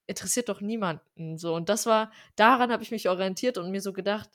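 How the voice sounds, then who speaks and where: A chatty young woman talks through her own stories in a relaxed conversation, her voice close and dry. She grew up speaking Armenian at home, and her tone lifts and falls as she tells each story. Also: mid-range voice, fast, dry recording. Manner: chatty, animated storytelling with fillers. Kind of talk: casual conversation.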